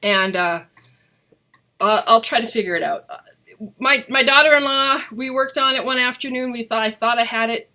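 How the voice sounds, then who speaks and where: Hosting and demonstrating in a laid-back live craft tutorial, this middle-aged woman rambles with enthusiasm in a sharp-toned, higher-pitched voice at a moderate pace. She sounds off-mic, with a hollow, cavernous quality.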